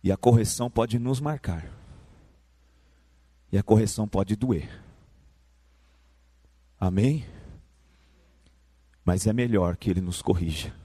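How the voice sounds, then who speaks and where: A man with a Brazilian Portuguese accent preaching a sermon in a church, moving from quiet, low storytelling to loud, high-pitched shouted preaching. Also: takes it slowly, pauses often, no echo. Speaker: pastor.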